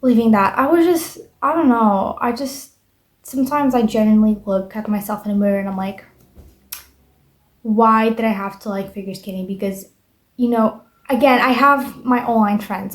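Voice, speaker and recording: A young woman vlogging in a casual, rambling monologue, bitter and full of swearing. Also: on the high side. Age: young adult.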